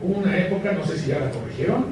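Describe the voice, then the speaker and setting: A man's voice: fairly high pitch, sing-song, racing. A man giving a live conference lecture, joking and asking the audience questions. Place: large lecture hall. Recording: echoey hall, mic far off, faint hiss.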